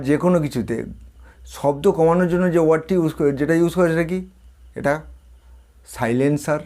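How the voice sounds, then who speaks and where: A male tutor from India gives a spoken lesson in a slightly high voice. He states each term, repeats it, and puts questions to the listener. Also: darkish tone. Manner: explains each term, then repeats it and quizzes the viewer. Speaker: English tutor.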